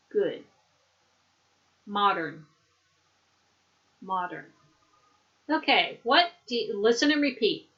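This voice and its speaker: A woman teaching English, leading a slow repeat-after-me drill and patiently explaining words and pronunciation. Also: medium pitch, a bit bright, lo-fi sound.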